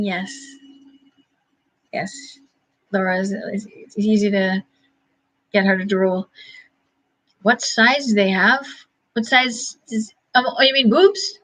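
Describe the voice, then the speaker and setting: A woman with a fairly high voice chats casually on a livestream, answering viewers' questions. She speaks slowly and haltingly, thinking aloud and chuckling often between phrases. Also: fairly bright tone, low-quality recording.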